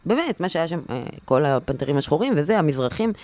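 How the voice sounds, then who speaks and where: A woman chatting casually on a podcast, telling stories in an animated, indignant rant. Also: deep voice, no room sound.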